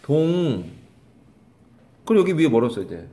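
A man's voice: a little high, big pitch swings, a little slow, mellow. Guy teaching english grammar in a small classroom, keeps calling on kids and nagging, voice jumps all over. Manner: quizzes students by name, scolds and repeats questions.

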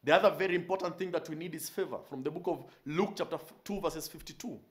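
Pastor guy in his 40s preaching to camera in a little studio, bit of a high voice, repeats his points. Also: quick pace. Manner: emphatic, repeats key phrases, gestures with hands. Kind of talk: recorded sermon teaching. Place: indoor studio with purple curtain backdrop.

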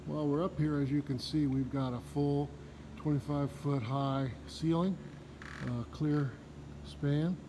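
A man's voice: on the high side, steady tone, measured pace, background noise. A man with a Southern US accent walks through an RV repair shop, explaining the technical work in a plain, casual way with some fillers. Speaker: RV shop tour guide. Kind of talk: casual walkthrough narration. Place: large indoor RV repair shop.

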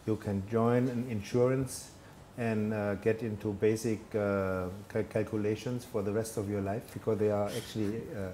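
Speaking at a moderate pace, the German telecom executive has a warm, lowish voice and a flat delivery, with slight background noise. He is a guest in a conversational studio interview before a brick wall indoors, and his answers are hesitant, self-deprecating, and peppered with fillers and restarts.

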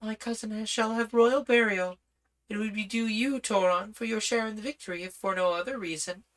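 A man's voice: high voice, steady tone, normal speed, fairly bright tone, pitched above the performer's own voice, low-quality recording. A man voicing a regal, commanding young princess in a storybook reading, with imperious urgency. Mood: gracious. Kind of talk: audiobook character voice.

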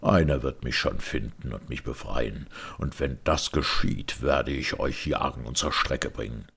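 A man voicing a menacing medieval monk who speaks in a growling baritone with scornful, hissed threats. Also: measured pace, creaky, fairly bright tone, husky, full character voice.

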